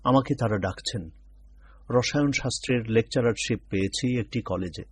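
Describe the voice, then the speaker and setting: Brief: male audiobook narrator, husky mid-range voice, calm first-person storytelling. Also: medium pitch, normal speed.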